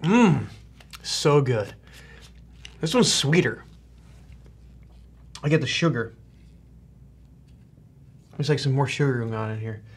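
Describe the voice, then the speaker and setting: A man reviewing hot sauce in a casual tasting vlog, halting and coughing often between sighs. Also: mid-range voice, lively intonation, slightly rough. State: coughing from spicy powder.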